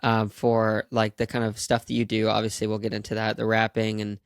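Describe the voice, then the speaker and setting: A man's voice: on the low side, completely flat delivery, fairly quick, clear, resonant tone, no room sound, clean studio sound. A man hosting a podcast, chatty and friendly, asking his guest questions with lots of fillers. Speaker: podcast host. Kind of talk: casual interview conversation.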